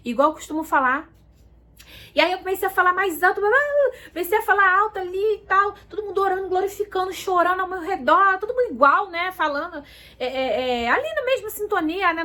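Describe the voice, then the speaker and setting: A high-pitched woman speaks straight to her viewers in a casual, heartfelt testimony. She repeats herself and keeps calling out to her audience. By her own account she is shy and soft-spoken. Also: rough recording. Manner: emotional, repetitive, addresses viewers as "gente". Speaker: vlogger giving a religious testimony. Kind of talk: casual personal testimony to camera.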